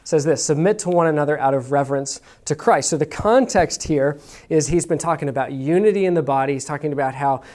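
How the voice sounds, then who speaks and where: A man's voice: on the high side, fairly quick, a little mellow. A man preaching a sermon to a congregation in a casual, conversational way, often checking in with "okay?". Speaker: pastor. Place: church room with congregation.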